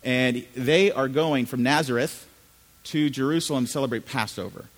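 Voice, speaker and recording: A man's voice: mid-range voice, moderate pace. Man preaching a sermon in a reverberant hall. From Chile. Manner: conversational, asks the congregation questions. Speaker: pastor. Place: church sanctuary.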